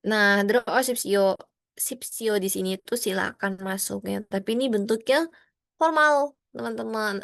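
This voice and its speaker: A woman's voice: moderate pace, gravelly, no echo. Woman, language teacher, online class, friendly, patient, acts out example phrases, dry close sound. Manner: friendly, explains patiently, addresses students as friends; acts out sample phrases with rising or flat pitch.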